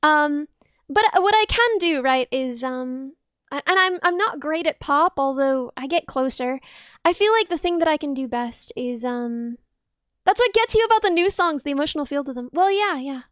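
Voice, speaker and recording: A young female streamer and musician gushes thanks to her viewers, shrieking with excitement in a bubbly, casual livestream chat. Her voice is high, bright, dense and a little piercing, at normal speed, recorded close and dry with no echo.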